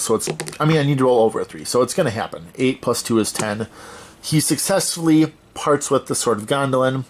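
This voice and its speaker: A man hosting a let's-play of a solo card game, thinking aloud as he reads out card text and corrects himself as he goes. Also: mid-range voice.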